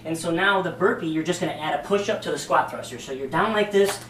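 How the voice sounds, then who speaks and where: A man's voice: fairly high pitch, fast talker, background noise. Slightly breathless male fitness instructor. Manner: casual, demonstrating moves with many ums. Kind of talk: workout demonstration. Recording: echoey room, distant mic.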